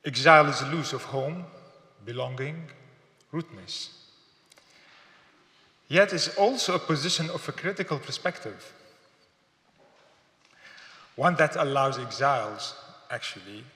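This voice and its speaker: A man from Syria speaks at a gallery symposium, thoughtful and halting, with fillers and repeated words. His voice sits at an ordinary middle pitch. The hall is roomy and echoes with a long reverb. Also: expressive, sharp tone. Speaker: artist giving a symposium talk. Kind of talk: public lecture.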